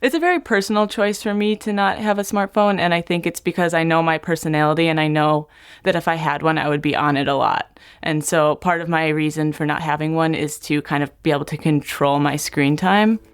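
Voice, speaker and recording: A woman's voice: sits low, brisk, clear, resonant tone, dry recording, clean studio sound. A woman in her thirties speaking in a chatty, reflective way in a documentary interview. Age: 30s.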